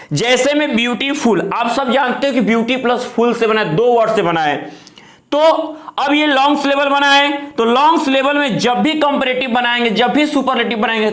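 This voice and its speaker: A male teacher walks through the grammar rules one step at a time. He keeps asking his own questions and then answers them. His voice sits very high for a man, and the room around him rings with echo. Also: fairly bright tone. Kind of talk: classroom lecture.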